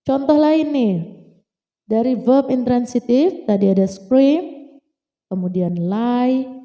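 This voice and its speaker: A woman's voice: a little high, warm tone, big-room sound. A woman teaching grammar in a casual, patient way, repeating points and checking that listeners follow. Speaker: English teacher. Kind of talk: casual lesson explaining grammar.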